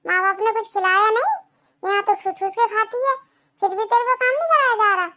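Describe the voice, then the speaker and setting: A woman's voice: very high-pitched, steady tone, unhurried, bright, forceful tone, full character voice. A woman voicing a harsh, bossy old mother-in-law in a cartoon, scolding and contemptuous in her talk. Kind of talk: Hindi cartoon voice acting.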